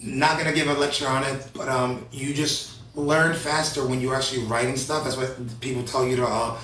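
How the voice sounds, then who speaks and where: A man in his thirties hosting a casual talk show, energetic and rambling, often restarting his sentences. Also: medium pitch, fairly quick, reverberant, recorded from a distance, poor audio. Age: 30s. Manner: energetic, rambling, self-correcting. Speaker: host.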